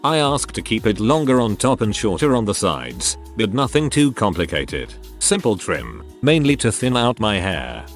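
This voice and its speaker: A man narrating online stories aloud in a steady read-aloud storytelling manner. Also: fairly low pitch, moderate pace, hardly any pauses, soft background music.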